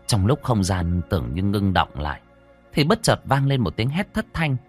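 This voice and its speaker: A man narrating a dramatic story in an expressive storytelling manner. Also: lowish voice, moderate pace, soft background music. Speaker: audiobook narrator.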